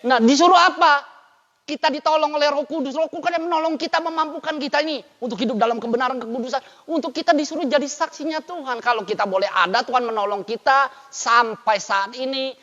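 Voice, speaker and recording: An older man, a pastor, preaching a sermon in a lively way with big swings in loudness. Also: very high-pitched. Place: church. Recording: dull, lo-fi church recording with long reverb.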